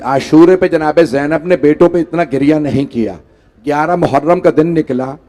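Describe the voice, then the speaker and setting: A man's voice: a little high, a little mellow. A man preaching a mourning sermon, pleading with his listeners and rising into a wailing lament. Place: large hall.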